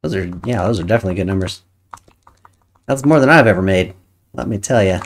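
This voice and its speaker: A woman's voice: extremely low pitch, lively intonation, quick pace, a little hiss or hum. A woman streaming a video game, chatting casually and thinking aloud as she plays. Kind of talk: casual chat while playing a game.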